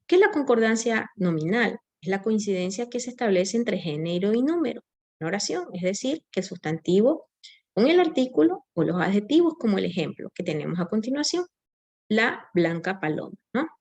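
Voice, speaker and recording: A woman's voice: mid-range voice, darkish tone. A woman giving a recorded grammar lecture, explaining step by step with frequent tag questions and small self-corrections. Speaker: teacher.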